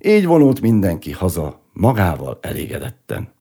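A man narrating a story in an expressive, dramatic reading. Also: low-pitched, slightly rough.

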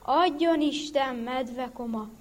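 A woman's voice: high voice, expressive, a bit bright. Woman playing a sorry, beaten-up wolf. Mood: mournful. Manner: mournful, then telling his woes urgently. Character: sad beaten male wolf. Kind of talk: storybook reading.

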